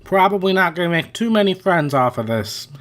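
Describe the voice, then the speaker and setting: High, expressive and a bit bright, this man's voice moves a little fast. As a gaming channel host playing through a racing game, he chats and rambles, correcting himself as he goes, his voice frayed from hours of commentary.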